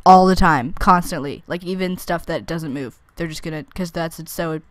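A woman's voice: on the low side, normal speed, no room sound. A young woman chatting through her gameplay, answering her own questions and teasing the monsters, with squeals when something surprises her. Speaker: let's play gamer. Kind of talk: casual gameplay commentary.

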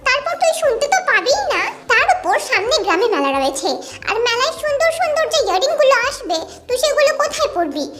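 A spoiled young landlord's son, as a woman puts him on, bossing and scolding in a high, lively voice. The delivery swings up and down. Soft music runs underneath. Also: quick pace. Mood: bossy scolding. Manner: bossy, scolding.

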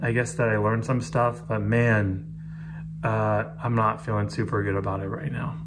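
A man's voice: on the low side, level tone, normal speed, very noisy. Candid man venting in a casual vlog. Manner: candid, rambling, frustrated self-talk. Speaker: artist vlogger. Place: outdoors on a city street, then indoors.

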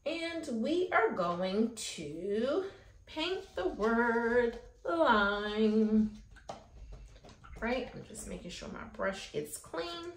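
In a sing-song, slightly high voice with drawn-out words, a woman in her thirties teaches preschoolers during an art lesson, cheering them on and regularly checking in with questions. The small classroom-style room sounds echoey, with slight background noise.

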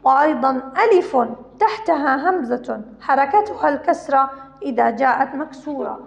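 A woman's voice: sits high, moderate pace, vocal fry. A woman teacher giving a recorded grammar lesson to young children, explaining patiently step by step and asking repeated questions. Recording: echoey room, dull lo-fi sound.

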